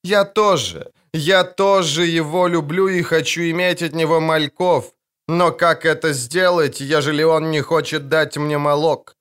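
A man putting on a shrill sing-song siren girl. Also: fairly even intonation, a little slow, fairly bright tone, clear, resonant tone. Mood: demanding. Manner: sing-song, whining, indignant. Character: vain, shrill young female siren. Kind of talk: audiobook character voice.

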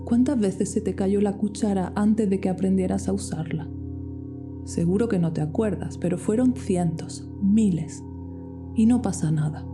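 A woman leads a guided meditation, speaking very slowly and gently, and her voice often sinks into a whisper. Calm music with singing bowls plays clearly behind her. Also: mid-range voice. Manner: soft, slow, often whispered. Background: soft music with singing bowls.

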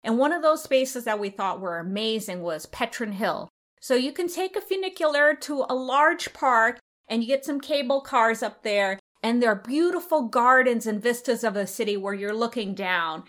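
A woman's voice: fairly high pitch, animated, moderate pace, fairly bright tone. A woman co-hosting a travel podcast, chatting casually and enthusiastically about places she visited. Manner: enthusiastic, descriptive. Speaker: podcast co-host.

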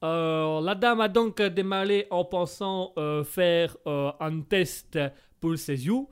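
A man playing a male coroner in a comedy radio sketch, talking haltingly with lots of fillers. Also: high voice, clear, resonant tone. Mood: earnest. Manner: hesitant, halting with many fillers. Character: male coroner giving a hesitant report.

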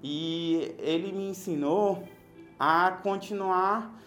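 A man's voice: high voice, takes it slowly, a bit bright, roomy sound, faint music behind. A man who survived an accident, speaking reflectively and hesitantly about gratitude. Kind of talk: reflective testimony.

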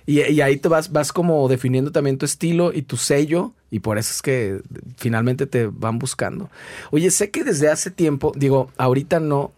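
A man's voice: mid-range voice, normal speed, a little mellow, no echo. Man hosting, reflective and prompting. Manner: reflective, prompting questions with frequent backchannels. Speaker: podcast host. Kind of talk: casual conversational interview.

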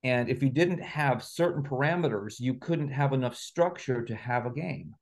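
Much like an author talking about his own book, this male interview guest reflects on his ideas in conversation, illustrating them with examples and analogies. He speaks at a moderate pace in a mid-range voice.

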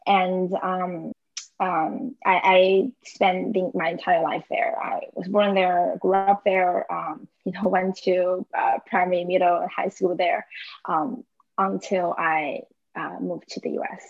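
A woman's voice: fairly low pitch, level tone, slow pace, vocal fry, no room sound, highs cut off. Hesitant young woman from southern China. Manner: hesitant, many fillers, frequent laughs. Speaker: podcast guest. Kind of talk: casual conversation.

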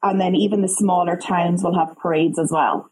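A woman with a Dublin Irish accent, a show guest chatting in a lively, talkative way. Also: lowish voice, normal speed, slightly rough, rough recording. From Ireland. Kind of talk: casual interview chat.

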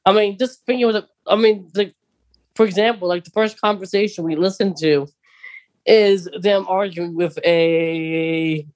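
A podcast co-host with a mid-range, darkish-toned voice guides a casual chat, prompting the conversation with questions. The intonation is fairly even, the pace a little slow, and the speech hesitant with many "um"s and restarts.

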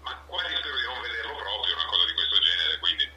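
A man calling in on speakerphone, giving a measured on-air review and pausing to search for words. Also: lowish voice, big pitch swings, very noisy. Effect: on speakerphone over the phone. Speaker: caller to a fan podcast. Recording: echoey speakerphone phone call.

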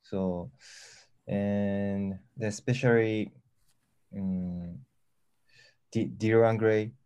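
A man with a Japanese accent, a musician speaking halting English while searching for words in an interview. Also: lowish voice, fairly even intonation, darkish tone, clean tone. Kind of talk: casual interview answers.

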